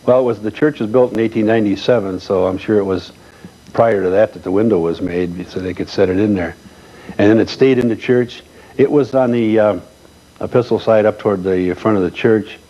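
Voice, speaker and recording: An older man reminiscing in a relaxed chat as a guest, telling stories with many pauses and fillers. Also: lowish voice, lo-fi sound. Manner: folksy storyteller, halting with many fillers. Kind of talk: casual reminiscing.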